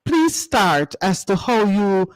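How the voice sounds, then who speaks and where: A man's voice: high-pitched, sing-song, slow pace, faint music behind, low-quality recording. A male radio host interviewing a guest, stumbling and repeating words as he asks questions.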